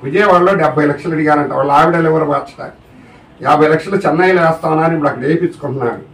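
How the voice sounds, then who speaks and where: A man's voice: a little high, very fast, fairly bright tone, roomy sound, distant mic, low-quality recording. A man giving a religious discourse to a live audience as a spiritual teacher, often putting questions to the listeners. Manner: keeps asking the audience questions.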